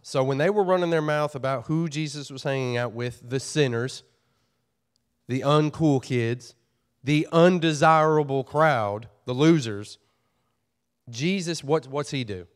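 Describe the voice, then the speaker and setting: A man's voice: on the high side, measured pace. A pastor preaching a sermon to his church, earnest and folksy, often repeating and restarting his phrases.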